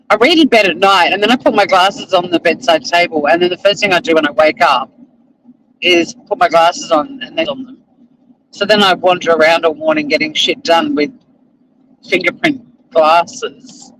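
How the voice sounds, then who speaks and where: Poor audio with a slight hiss or hum captures a middle-aged Australian man, a vlogger and lawyer, casually chatting while he drives. His fairly high, somewhat bright voice moves at normal speed with long pauses, and his talk wanders, runs himself down and includes the odd swear word.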